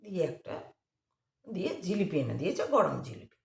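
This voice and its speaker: Brief: relaxed chatty woman retelling a devotional tale, recorded in an echoey room. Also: on the low side, normal speed, creaky. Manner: chatty, repetitive, loose retelling. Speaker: storyteller. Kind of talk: casual devotional storytelling.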